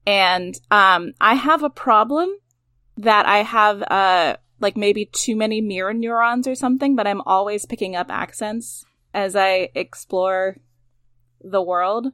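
A woman's voice: medium pitch, measured pace, pushed and bright, no echo. Chatty woman podcast host, dry sound. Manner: chatty, self-deprecating, filler-heavy. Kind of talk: casual chat.

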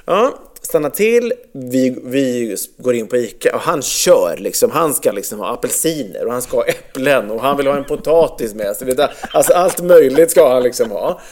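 A man in his thirties telling a personal story in casual chat, animated, swearing freely and full of fillers. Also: medium pitch, hardly any pauses.

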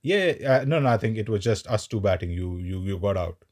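A podcast co-host with a lowish, darkish voice tells a long, rambling anecdote at a fairly quick pace, his intonation lively. The casual chat is full of "uh" fillers and small laughs.

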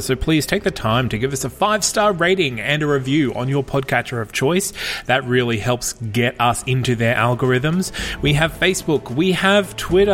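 A man's voice: mid-range voice, fairly bright tone. A man reading a podcast intro and outro as host and dungeon master. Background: faint music.

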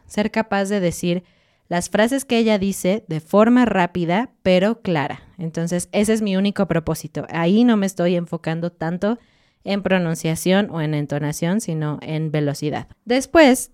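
A woman talks through ideas in an easygoing podcast chat. Her voice sits slightly low and sounds smooth and clear, and she explains patiently with a touch of humor. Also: darkish tone. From Mexico. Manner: clear, explanatory, lightly joking. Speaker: podcast co-host and Spanish teacher. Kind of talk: casual educational podcast chat.

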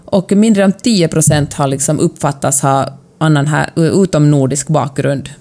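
A woman's voice: sits low, mellow. Finland-Swedish woman in casual podcast talk. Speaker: podcast co-host. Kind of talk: casual conversational discussion.

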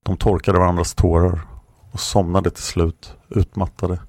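A man reads an audiobook chapter in a measured, somber way. His voice sits low with a gravelly edge, recorded close with no room sound. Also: level tone, a little mellow, no echo. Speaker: audiobook narrator. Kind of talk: scripted narration.

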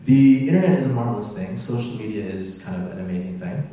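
A man preaching a sermon in a relaxed, conversational and self-deprecating way, with many restarts. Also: fairly low pitch, fast talker. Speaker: pastor. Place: church sanctuary. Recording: roomy, distant church mic with hum.

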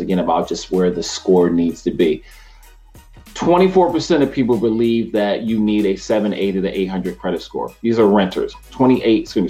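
Casting: lively, chatty middle-aged male host, low voice, music faint underneath. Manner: energetic, chatty, laughs easily. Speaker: host, mortgage professional. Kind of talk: casual talk to camera.

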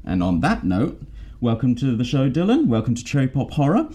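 A man's voice: medium pitch, huge pitch swings, brisk, mellow, husky. A man hosting a podcast, moving between a scripted introduction and casual chat. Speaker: podcast host.

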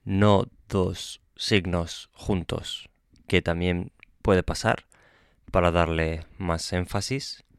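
A man hosting a podcast lesson, explaining patiently and calmly with small self-corrections. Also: low voice, takes it slowly, clean tone, no echo, studio quality. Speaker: Spanish teacher and podcast host. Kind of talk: slow, clear podcast lesson for learners.

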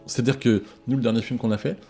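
A man's voice: mid-range voice, fairly even intonation, dark tone, soft background music. A man who makes films, talking casually about cinema in an eager, slangy way. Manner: fast, enthusiastic, slangy. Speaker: podcast guest, filmmaker.

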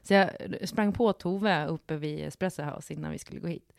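A woman's voice: deep voice, gravelly, dry recording, studio quality. A woman co-hosting a casual podcast, telling detailed everyday anecdotes in a chatty way. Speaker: podcast co-host. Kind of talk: casual chat.

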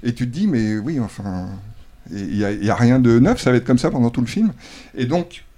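A man chatting casually about a film, full of fillers and restarts, excited about what he likes. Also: medium pitch, a little fast. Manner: hesitant, many fillers and restarts. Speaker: film critic. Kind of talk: casual chat.

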